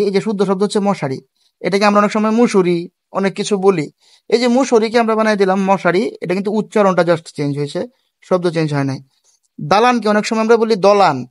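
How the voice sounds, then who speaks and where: High-voiced man teaching step by step. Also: no room sound, clean studio sound. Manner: explains step by step, asking and answering his own questions; casual speech with regional forms and English words mixed in. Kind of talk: tutorial lesson.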